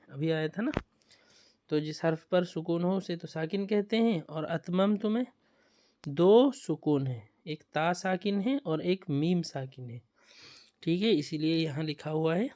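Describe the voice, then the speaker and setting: A man with a slightly high voice and a dark tone explains on-screen examples in an online Quran recitation lesson. His manner is patient and repetitive, and he checks students' understanding with tag questions.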